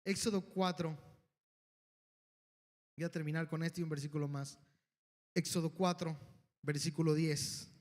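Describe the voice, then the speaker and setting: A man with a Mexican Spanish accent preaching a sermon in a church hall, pleading and building to shouted exhortation. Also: on the high side, fairly even intonation, unhurried, pauses often. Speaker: pastor. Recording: long hall reverb.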